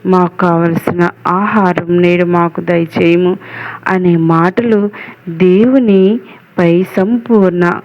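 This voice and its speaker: Slow, measured nun on a dull recording. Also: female voice, on the low side, fairly even intonation. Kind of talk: devotional reflection and spoken prayer.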